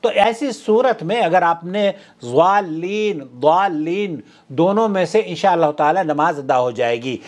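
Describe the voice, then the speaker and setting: This is an Islamic preacher from South Asia delivering a religious lecture in Urdu. His male voice is high, and he explains earnestly with hardly any pauses, addressing his listeners as "brothers and sisters."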